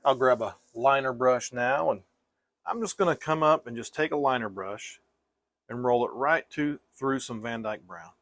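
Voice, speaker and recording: With a mid-range voice at normal speed and no echo, a man calmly teaches painting one step at a time, easygoing and encouraging.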